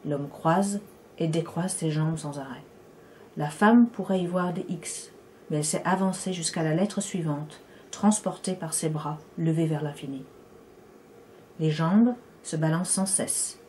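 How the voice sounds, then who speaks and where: Woman author reading her novel, low mellow voice, slow and measured. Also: a little hiss or hum. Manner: measured, unhurried. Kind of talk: literary reading. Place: Paris.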